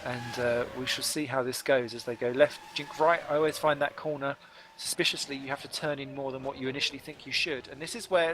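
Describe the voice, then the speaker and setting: Guy with a fairly high voice breaking down a sim race, dry jokes, faint hum behind. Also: fairly bright tone. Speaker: sim racing commentator. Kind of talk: live race commentary.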